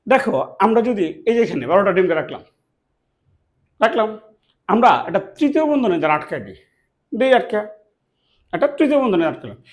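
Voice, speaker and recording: A man from Bangladesh, teaching a classroom math lesson, asking questions and answering them himself. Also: high voice. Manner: asks and answers his own questions, repeats key words.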